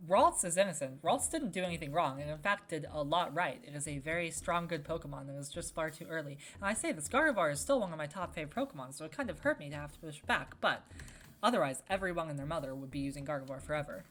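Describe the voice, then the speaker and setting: A woman's voice: low voice, expressive, fast talker, fairly bright tone, a little hiss or hum. A young woman, a game developer, chatting casually over her own playthrough and answering viewers' questions as she goes. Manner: chatty, wandering, answers chat. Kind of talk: casual let's-play commentary.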